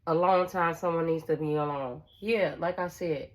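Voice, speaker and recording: Low-voiced woman giving a blunt tarot reading. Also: fairly even intonation, normal speed. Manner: blunt, swears freely, repeats phrases and checks in with "okay?". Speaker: tarot reader. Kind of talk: casual tarot reading to viewers.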